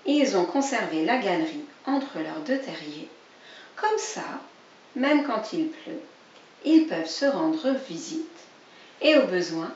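A woman's voice: on the high side, slight background noise. A woman reading a children's story aloud, expressively, speaking directly to a child. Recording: dull, roomy, distant recording.

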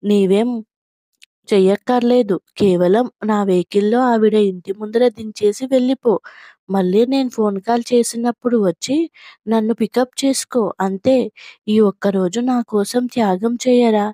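A woman's voice: mid-range voice, unhurried, warm tone, dry recording, clean studio sound, natural voice. A woman voicing a young man who coaxes and insistently begs his friend for a favour, read aloud in a storybook reading. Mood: pleading. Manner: coaxing, insistent.

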